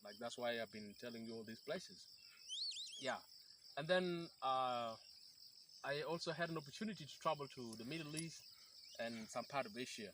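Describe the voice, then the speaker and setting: Speaking with a mid-range, animated voice at a moderate pace, this man leaves long pauses against a noisy background. He's a peace activist from South Sudan in his thirties, a guest in an outdoor riverside interview in rural bushland, earnestly explaining and frequently starting his sentences over.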